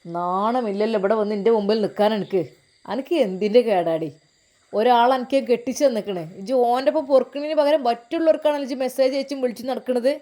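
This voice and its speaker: A woman voicing an angry, stern middle-aged father who shouts accusations and threats. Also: on the high side, quick pace, close to an everyday voice.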